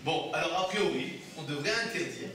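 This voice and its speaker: A man's voice: on the high side, fairly quick, pushed and bright, a little hiss or hum. A man, a rabbi, teaching a Torah class, asking his students questions and answering them himself. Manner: explains texts with repeated phrases and restarts. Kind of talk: Torah study lesson. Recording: echoey room, mic far off.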